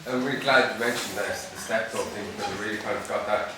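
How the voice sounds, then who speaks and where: A man's voice: fairly low pitch, fast, background noise. A man asking an audience question at a Q&A, earnest and rambling with many fillers. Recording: echoey hall, distant mic.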